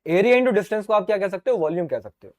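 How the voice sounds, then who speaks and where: A man in a lively, high-voiced physics lecture. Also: rapid-fire. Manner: animated and playful, answers himself in a student's voice; addresses students as dear children. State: sore throat. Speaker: physics teacher. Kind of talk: online exam-prep lecture.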